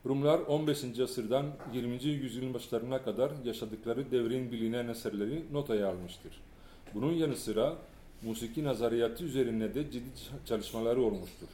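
A man lecturing in an echoey hall, his delivery measured and halting, pausing on fillers and correcting himself as he works through read-aloud material. His voice is mellow and dark at a middle pitch, and a faint hum sits behind him. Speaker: lecturer on music history.

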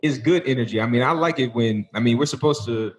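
A man's voice: mid-range voice, fast talker. An American man with a polished broadcast-style voice, chatting casually on a podcast and telling stories in a talkative, wandering way. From St. Louis, United States. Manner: talkative, storytelling with tangents. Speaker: podcast guest. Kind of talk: casual conversational podcast chat. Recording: roomy, echoing sound.

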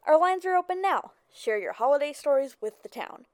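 A woman playing a small-town call-in radio host, with a smooth, breezy, chatty radio-host delivery. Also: sits high, animated, a little fast, dry recording, clean studio sound. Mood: chipper.

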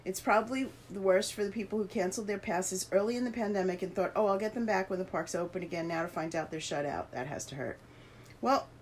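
With the hiccups, a podcast co-host reads out a news article in a medium-pitched voice, breaking in with her own casual remarks and filler words. There's slight background noise in the recording.

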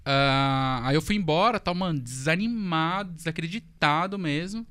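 Paulista guy telling stories on a podcast, slangy, kinda high voice. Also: normal speed. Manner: slangy, animated, repeats words. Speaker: podcast guest. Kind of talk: casual storytelling.

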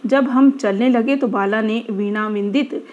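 A woman reading aloud a literary first-person story in a measured way, often dropping to a quieter tone. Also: on the high side, lo-fi sound.

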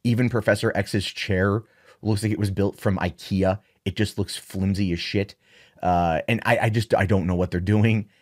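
Man, low voice, sarcastic movie commentary, exasperated solo rant. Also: normal speed. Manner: sarcastic, exasperated, animated rants.

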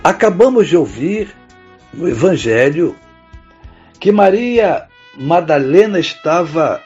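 Husky priest guy, sermon and gospel reading, muffled sound with soft music underneath. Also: on the high side, animated. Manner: slow, solemn, measured delivery. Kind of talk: liturgical prayer, gospel reading and homily.

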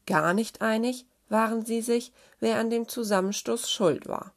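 A woman reading a children's story aloud in a gentle, expressive way. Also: a little high, a little slow.

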